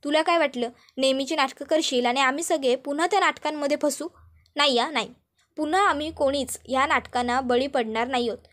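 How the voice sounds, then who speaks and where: A fierce young woman ordering someone out, sharp and commanding, in a high voice, as a woman narrator plays her. Soap-drama recap. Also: a little fast. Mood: angry. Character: angry woman scolding a traitor.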